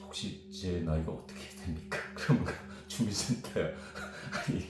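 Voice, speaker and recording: A man in his fifties, from South Korea, tells stories in a rambling, animated way. His voice sits low. The room is very echoey, with music playing behind him. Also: normal speed. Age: 50s. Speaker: guest. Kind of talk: storytelling chat.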